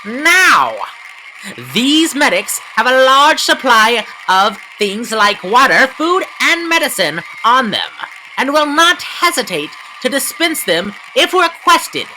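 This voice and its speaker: A woman voicing a formal race official in an anime fan dub, announcing rules in a deliberate, projected manner. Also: high-pitched, very animated, sharp tone, a little hiss or hum, exaggerated voice, low-quality recording. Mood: formal, instructive.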